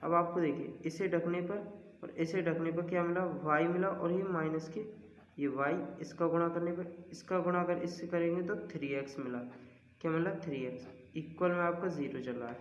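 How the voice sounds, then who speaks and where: A man's voice: fairly high pitch, fairly even intonation, moderate pace. A man teaching a math lesson at the board, working through each step and asking rhetorical questions as he goes. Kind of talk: board-work lesson explanation. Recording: echoey hall, dull lo-fi sound.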